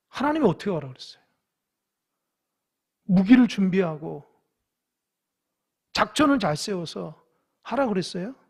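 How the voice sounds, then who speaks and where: A man's voice: high voice, a little mellow, husky. A man preaching a sermon at a midweek church service, talking conversationally, asking the congregation questions and acting out biblical figures. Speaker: pastor. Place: church sanctuary.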